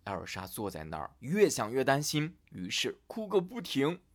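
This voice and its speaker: Man telling a fairy tale, lively pitch. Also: normal speed. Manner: expressive storytelling. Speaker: storyteller.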